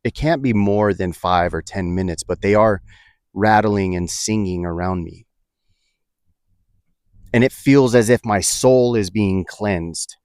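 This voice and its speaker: Low-voiced man telling a personal story. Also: a little mellow, smooth, no echo, clean studio sound. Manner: reflective, halting, many fillers and restarts.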